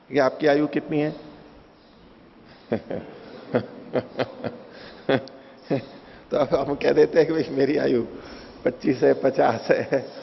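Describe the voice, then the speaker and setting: A man's voice: on the high side, gravelly, slight background noise. A man giving a Hindi lecture on Vedic philosophy, explaining with everyday examples and the occasional chuckle. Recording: dull lo-fi recording in a reverberant hall.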